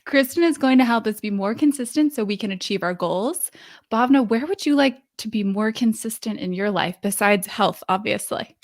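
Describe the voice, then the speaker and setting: A woman's voice: a little high, lively intonation, normal speed. Playful woman podcast host. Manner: playful, teasing. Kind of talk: casual podcast chat.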